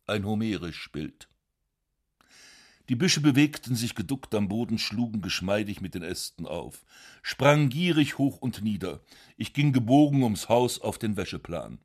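A man narrating literary prose in a dry, ironic, measured way. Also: lowish voice, sing-song. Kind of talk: literary reading.

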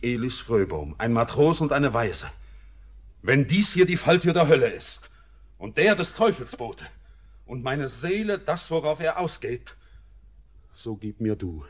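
In a classic radio play, a young male actor with a lowish voice portrays an orphaned sailor caught between pleading and dread.

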